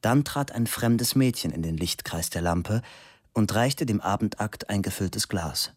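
A man reading a novel aloud as narrator, expressive and lively. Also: on the low side, a little slow, no echo, clean studio sound. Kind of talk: audiobook narration.

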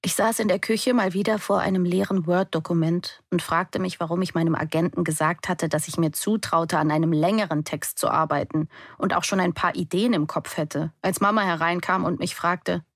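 A woman's voice: fairly low pitch, fairly even intonation, moderate pace, few pauses, no echo, studio quality. A young adult woman giving an intense, emotional first-person audiobook narration.

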